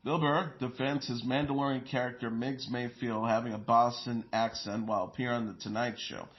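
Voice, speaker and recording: A man's voice: mid-range voice, steady tone, a little fast, highs cut off. A man hosting an entertainment news show, reading stories and quotes in a plain delivery with small slips and fillers.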